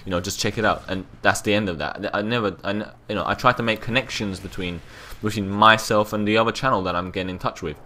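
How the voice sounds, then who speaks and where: A man's voice: on the low side, fast talker, hardly any pauses, sharp tone. A young man from London with a London accent, giving casual gameplay commentary, rambling and repeating himself with the odd swear word. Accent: London English.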